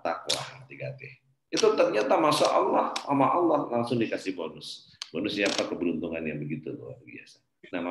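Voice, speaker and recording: Man, middle-aged, business coach, earnest motivational talk, deep voice, roomy echo. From Indonesia. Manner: earnest storytelling, swings between loud and soft. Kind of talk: motivational religious talk to a class.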